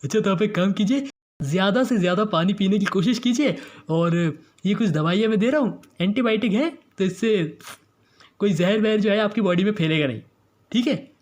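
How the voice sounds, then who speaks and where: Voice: medium pitch, moderate pace, a little mellow, lightly acted. A performer voicing a sly young man posing as a doctor who teases his patient with a chuckle in a comedy audio serial. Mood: smooth. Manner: mocking, chuckling, smooth-talking.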